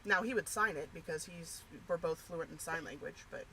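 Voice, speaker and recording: A woman's voice: fairly low pitch, normal speed, sharp tone, a little hiss or hum, poor audio. A woman chatting casually and candidly, rambling with lots of fillers. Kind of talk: casual personal chat.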